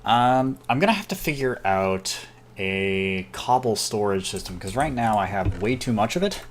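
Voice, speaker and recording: A casual gamer narrating his own gameplay, chatty and self-deprecating, with excited outbursts. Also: medium pitch, normal speed, a little hiss or hum. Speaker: gameplay commentator. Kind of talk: casual let's-play commentary.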